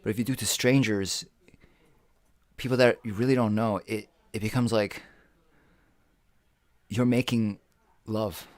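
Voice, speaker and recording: A man co-hosting a podcast in casual chat, rambling and swearing freely as he thinks out loud. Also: on the low side, normal speed, dry recording. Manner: rambling, profane, animated. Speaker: podcast co-host.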